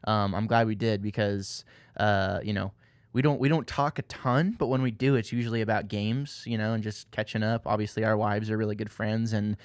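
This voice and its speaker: Low-voiced man hosting a casual podcast. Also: fairly even intonation, moderate pace, clear, resonant tone, no room sound. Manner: rambling, filler-heavy, friendly. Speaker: podcast host.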